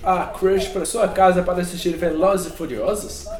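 Young male co-host, Brazilian Portuguese accent, high voice, casual chat, roomy echoing sound. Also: fairly even intonation, moderate pace, a little mellow. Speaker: podcast co-host. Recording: roomy echo on the voice.

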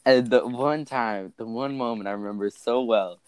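A man's voice: medium pitch, normal speed, darkish tone, smooth, dry recording, low-quality recording. A teenage boy chatting casually with friends over an online voice call, laid-back and laughing often. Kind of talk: casual chat among friends.

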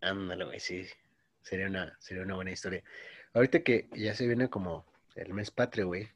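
A man in his twenties with a Mexican Spanish accent tells a long story in casual slang. His voice sits fairly low. The sound is dry and close, with no room around it. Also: steady tone, fairly quick, no room sound. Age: 20s. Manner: slangy, says "güey" constantly, storytelling. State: coughing. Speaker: podcast co-host. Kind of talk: casual chat.

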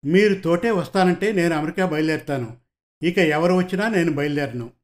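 A man's voice: on the high side, brisk, natural voice. A man voicing a meek young male detective's assistant, speaking in a pleading, plaintive way.

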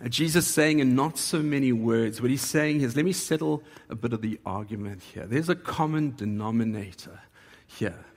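A man's voice: mid-range voice, moderate pace. Man preaching in a reverberant hall. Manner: conversational preaching, acting out quoted voices. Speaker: pastor. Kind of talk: sermon.

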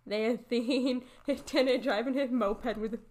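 A woman with a fairly high voice co-hosting a casual true-crime podcast. She laughs easily and throws in mocking little asides as the story goes along. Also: steady tone, moderate pace, darkish tone. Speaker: podcast co-host.

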